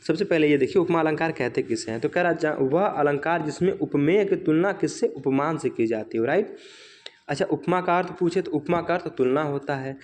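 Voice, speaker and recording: A male teacher with a fairly high voice gives a fast exam revision lecture, answering his own questions and frequently adding "right?". Example lines get recited more slowly. There is slight background noise.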